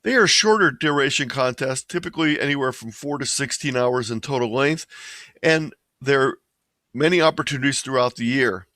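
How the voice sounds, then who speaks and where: A man gives an informational slide presentation in a plain, explanatory way, like a webinar lecturer. His medium-pitched voice sounds pushed and bright, moving at a moderate pace. The audio is dry, with barely any room echo.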